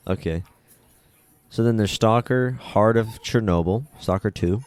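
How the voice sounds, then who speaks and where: Speaking a little slowly, this podcast co-host has a lowish, darkish voice and reads game descriptions with dry dismissiveness, just skimming the text. The chat is casual, and the recording is dry.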